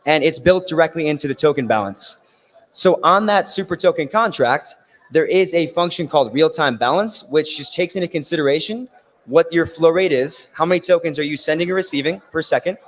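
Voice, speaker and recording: A man with a raspy, worn voice giving a technical conference presentation, explaining things step by step and often checking in with "right?". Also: a little high, a little fast. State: losing his voice. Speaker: conference speaker. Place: conference stage in a large hall. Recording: long hall reverb.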